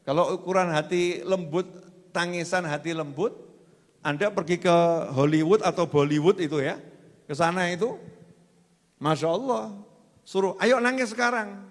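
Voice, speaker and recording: Man with a Javanese accent for a sermon; animated, moves between soft and loud, echoing in a big hall. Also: on the high side. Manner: animated, swings from soft to loud, acts out quotes. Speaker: preacher.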